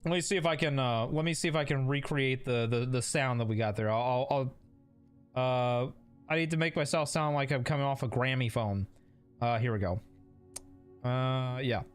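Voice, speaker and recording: A man's voice: medium pitch, normal speed, clean tone, faint music behind. A man hosting a casual live game stream, rambling and laughing with lots of fillers and restarts. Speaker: streamer and host.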